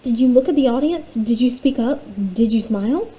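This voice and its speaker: A woman reading aloud as a fierce, demanding mother who fires off sharp, scolding questions. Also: on the high side, brisk, natural voice, low-quality recording.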